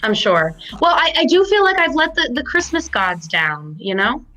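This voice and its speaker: A woman's voice: high-pitched, sing-song, moderate pace, sharp tone, soft background music, rough recording. A woman co-hosting a podcast in a studio, chatting casually in a playful, apologetic way. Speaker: podcast co-host. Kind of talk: casual chat.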